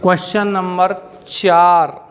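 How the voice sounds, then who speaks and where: A man teaching with an Indian accent, dictating answers slowly word by word and explaining in quick asides. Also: high voice, little pitch movement, a bit bright, in a large hall. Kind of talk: dictating classroom answers, Hindi and English mixed. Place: school classroom.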